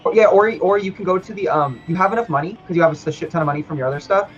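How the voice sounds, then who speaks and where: A man's voice: high voice, rapid-fire. A man playing a video game with friends on a stream, reading game text aloud, swearing and laughing often. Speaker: gamer. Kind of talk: casual game stream chat. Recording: muffled lo-fi stream audio, faint music.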